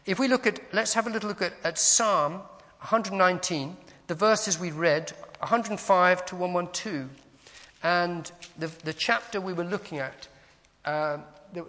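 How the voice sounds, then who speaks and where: A man's voice: sits high, pushed and bright. A man preaching a conversational sermon in a church, wandering into asides and reading scripture aloud with stress on single words. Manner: conversational, digressive, reads scripture aloud with emphasis. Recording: long church reverb.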